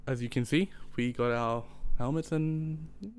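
A man's voice: medium pitch, measured pace. A man in his late teens with a lisp, hosting a casual podcast chat, rambling and swearing freely with plenty of ums. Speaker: podcast host.

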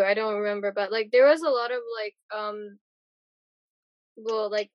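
A young adult woman from Japan chats casually as a guest on a podcast, her sentences trailing off with fillers. Her voice is medium-pitched, with no echo.

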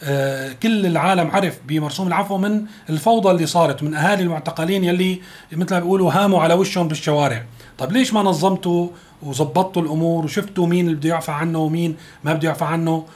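Fast-talking Syrian man commenting on news. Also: a little high. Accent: Syrian Arabic. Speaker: political commentator.

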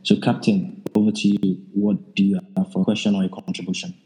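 A man's voice: on the low side, flat delivery, a little fast, mellow, rough recording. A Nigerian man hosting a live audio community session, steadily handing over to speakers, with frequent fillers. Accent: Nigerian English. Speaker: host.

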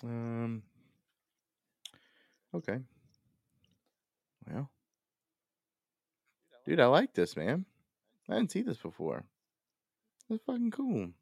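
A man co-hosting a casual podcast, rambling and swearing with lots of fillers, excitable. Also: medium pitch, takes it slowly, creaky, pauses often, slightly rough, no room sound. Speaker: podcast co-host.

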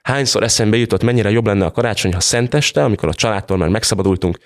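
A man's voice: on the low side, lightly acted. A man voicing a saccharine, ingratiating woman boss in a read-aloud story. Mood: sugary. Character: sugary female office boss.

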